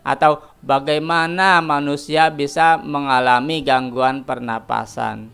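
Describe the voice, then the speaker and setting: A man's voice: on the high side, fairly even intonation, measured pace, gravelly, fairly bright tone, clear, resonant tone, faint music behind. A man teaching a recorded lesson to primary school pupils. He asks the class questions, answers them himself and keeps calling the pupils his children.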